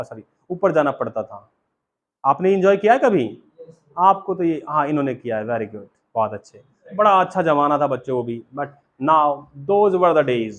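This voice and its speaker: High-voiced Indian teacher quizzing his class. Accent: Indian English. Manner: lively, repeats questions to the class, mixes Hindi and English. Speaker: spoken English teacher. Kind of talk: classroom lecture.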